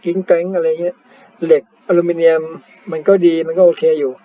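A man's voice: on the high side, steady tone, fairly quick. Chatty self-mocking man, slightly dull sound. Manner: chatty, self-mocking, frequent polite particles. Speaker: cycling vlogger. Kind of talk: casual chat over screen photos.

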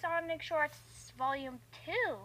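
Young woman playing a kangaroo character, chirpy, very high voice, bright and sharp, fan video host. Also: takes it slowly, full character voice. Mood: chatty.

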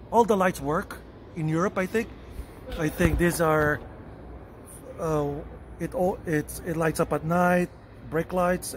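Man, fairly high voice, rambling casual vlog narration on camera mic, faint hum behind. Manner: chatty, rambling, self-correcting, hedges often. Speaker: vlogger touring a car museum. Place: indoor car museum hall.

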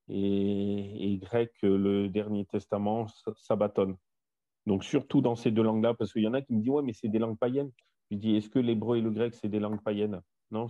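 A man's voice: lowish voice, mellow, dry recording, dull audio. A man leading a casual Bible study discussion over an online voice chat, talkative and repeating himself with many fillers.

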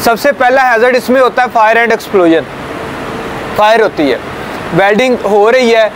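Standing outdoors next to a building, a young male safety trainer demonstrates safety procedures hands-on for a small group of trainees. His voice is on the higher side, and he explains patiently, often checking in with "ठीक है" and "समझ आई है?". The recording comes from a camera several meters off, with light street noise.

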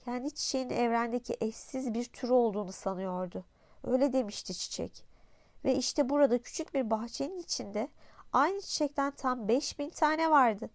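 A woman narrating an audiobook in a calm, even storytelling manner. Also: fairly high pitch, moderate pace, no room sound.

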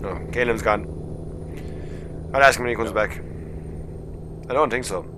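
A man's voice: fairly low pitch, normal speed. A man with a west of Ireland Kerry accent, chatting casually and informally as he streams a game. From County Kerry, Ireland. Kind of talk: casual livestream chat. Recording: noisy mic with loud vehicle hum.

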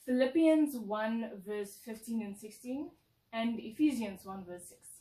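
Picked up by a far-off camera mic in an echoey room, this South African woman in her late teens chats casually as an interviewed co-presenter on a lounge-set couch. Her voice is on the high side with lively intonation and a measured pace. She comes across as warm, playful and emphatic.

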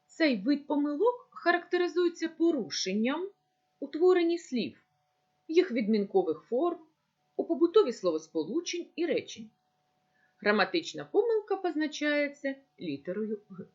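A woman teacher giving a recorded lesson, speaking slowly and deliberately as if dictating. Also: high-pitched, sing-song, muffled recording. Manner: slow, deliberate dictation-like delivery.

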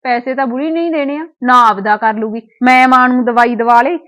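An actress playing a resentful, sarcastic sister-in-law in a Punjabi short film, grumbling with a Punjabi accent. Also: female voice, sits high, steady tone, a little fast, fairly bright tone. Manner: grumbling to herself, sarcastic, needling. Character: resentful village sister-in-law, sharp-tongued. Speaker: actor.

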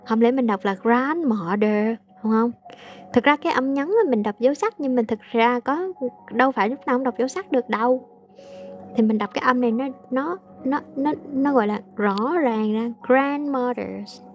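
A woman English teacher, translating aloud slowly in a casual lesson with frequent hesitations. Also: on the high side, faint music behind.

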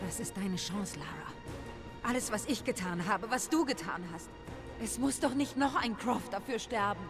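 A woman's voice: mid-range voice, animated, normal speed, music in the background, close to an everyday voice. A woman voicing a dying, manipulative older woman in a dubbed video game, pleading and persuasive.

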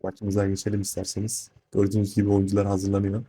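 A man's voice: fairly low pitch, monotone, fast, mellow, a little hiss or hum. A man hosting live football commentary, often repeating players' names and short phrases. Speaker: football commentator and channel host. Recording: music and crowd behind the voice.

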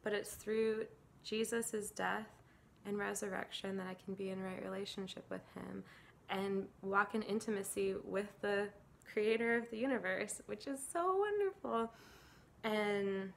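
Woman, 30s, earnest spoken testimony to a phone camera; slight vocal fry, faint background hiss. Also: medium pitch, fairly bright tone. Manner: earnest and emotional, with frequent fillers and laughs. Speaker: church volunteer sharing a testimony. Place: indoors against a plain grey wall.

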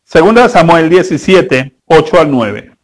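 A pastor with a high-pitched man's voice preaches with lively energy. He keeps firing rhetorical questions at the congregation and mocks the characters in his stories, speeding up and slowing down as he drives each point home. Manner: animated, rhetorical questions, sudden shifts in pace; mocking, acts out the people in his stories. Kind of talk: sermon.

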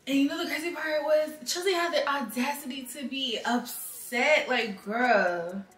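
A woman's voice: sits high, a little slow, a bit bright, reverberant. A young woman hosting a podcast, talking casually and with a lot of animation, acting out quotes and swearing freely. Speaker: podcast host. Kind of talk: casual commentary.

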